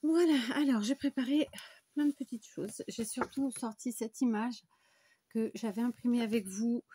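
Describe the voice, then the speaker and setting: Chatty woman with a mellow voice. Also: a little high, normal speed, husky, no echo. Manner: chatty, thinks aloud with frequent fillers and "voilà". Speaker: crafting tutorial host. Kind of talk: casual step-by-step crafting tutorial.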